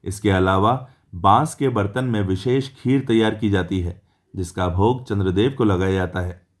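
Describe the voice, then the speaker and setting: A man with a somewhat low voice reads a scripted narration. His delivery is even and formal, explaining step by step. It feels like a plainly worded explainer voice-over. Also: moderate pace. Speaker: narrator of a devotional explainer video.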